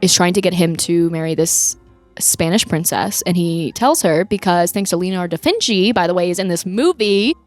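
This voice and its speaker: A young woman co-hosting a casual podcast, retelling a film with lively, laughing asides and acted-out quotes. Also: fairly low pitch, normal speed, faint music behind. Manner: animated, acts out quotes with laughs. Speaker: podcast co-host.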